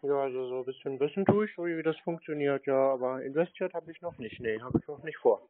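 A man who baits scammers takes a call and argues in a contrarian, pedantic way. His voice is medium-pitched and a little fast, heard over a narrow, dull phone line with no echo.

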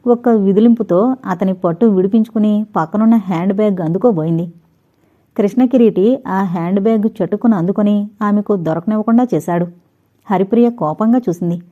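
A woman narrating an audio novel in an even, storytelling manner. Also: medium pitch, fairly quick, narrow, tinny audio. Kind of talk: scripted narration.

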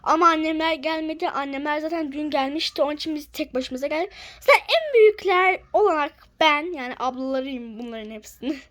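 A woman narrating a toy-play story to viewers as the eldest sibling, excited and chatty. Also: high-pitched, a little fast. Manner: excited, addresses viewers as friends.

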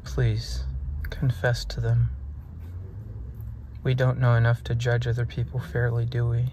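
A man's voice: medium pitch, monotone, a little slow, darkish tone, slight background noise. Man joking around inside a parked car. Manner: playful, joking. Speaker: vlogger. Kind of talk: casual chat.

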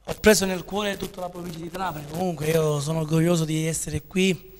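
Man, highish voice, reverberant studio. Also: level tone, brisk, slight background noise. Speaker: guest singer. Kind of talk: casual interview answers. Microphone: handheld microphone.

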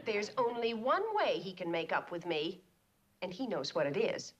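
An actress playing a good-humored young wife with a dry, teasing manner. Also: female voice, fairly low pitch, expressive, moderate pace, natural voice. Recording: dull, very hissy old TV soundtrack.

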